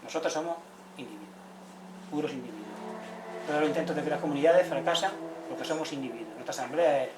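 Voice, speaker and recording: A man delivers a talk in a social centre hall, his somewhat high voice reaching the mic from across the room. The space adds a roomy echo and a faint hum of ambience. He tells anecdotes and jumps into the voices of the people he quotes. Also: fast, long pauses. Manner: lively storyteller acting out quoted villagers. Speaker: speaker giving a talk. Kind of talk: public talk, anecdotal lecture. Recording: echoey room, voice from far off.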